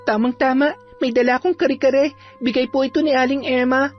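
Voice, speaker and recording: Lady playing a defiant young woman, high voice, dull audio w soft music. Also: steady tone, brisk, natural voice. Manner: blunt, defiant, sobbing when angry. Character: outspoken young daughter, resentful of her father.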